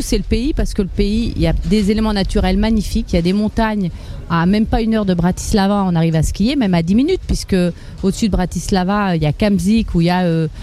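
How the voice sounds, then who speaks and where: A woman's voice: medium pitch, dark tone, slight background noise. A woman from Paris, answering interview questions in a chatty way, with many fillers and restarts. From Paris, France. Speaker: interviewee, expatriate mother.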